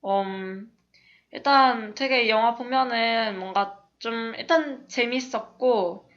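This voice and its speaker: A woman's voice: a little high, slow, a bit bright. Young woman, hesitant chat, slightly muffled recording. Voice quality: speech affected by braces. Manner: hesitant, agreeable, filler-heavy. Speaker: podcast co-host. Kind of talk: casual film discussion chat. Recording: dull lo-fi recording.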